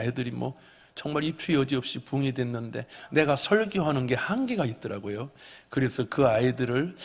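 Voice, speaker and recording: A middle-aged male pastor preaching a sermon, telling a story and swinging from soft whispers to loud exhortation. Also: mid-range voice, creaky, slightly rough. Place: church sanctuary. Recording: long reverb of a church hall.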